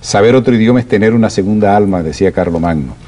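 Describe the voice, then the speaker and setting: A man's voice: on the low side, fast talker, warm tone. A man hosting an interview show, asking his guest questions in a conversational way. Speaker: radio show host.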